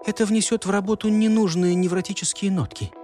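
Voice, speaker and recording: A man voicing a calm, precise young woman expert who speaks in a measured, instructive way. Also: high voice, faint music behind, voice pushed up, lightly acted.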